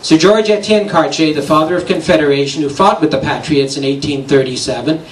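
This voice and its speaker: A slightly high-voiced man delivers a prepared, formal debate statement at a measured pace. He sounds distant in a roomy hall, with faint hiss behind him. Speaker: debater for the monarchy.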